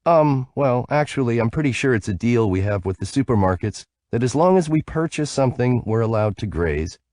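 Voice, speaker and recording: A man's voice: medium pitch, animated, fairly quick, a little mellow, no room sound, pitched above the performer's own voice, lightly acted. Giggly sleepy young woman, rambling and playful, voiced by a male audiobook reader, with a dry close sound.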